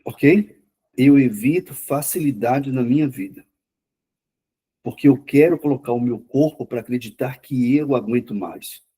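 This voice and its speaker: Fast-talking man lecturing to a class. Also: mid-range voice, dark tone, breathy edge. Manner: says himself he talks fast; conversational, repeats words for emphasis. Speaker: lecturer on mental health therapy.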